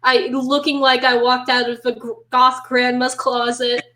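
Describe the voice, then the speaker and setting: A woman's voice: high-pitched, monotone, measured pace, pushed and bright. A woman chatting casually and playfully as a guest. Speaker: horror host guest. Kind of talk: casual chat. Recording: roomy, echoing sound.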